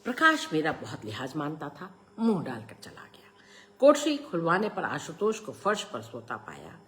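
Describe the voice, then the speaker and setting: A middle-aged woman reading a short story aloud, expressive and raising her voice for the quoted lines. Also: sits low, moderate pace.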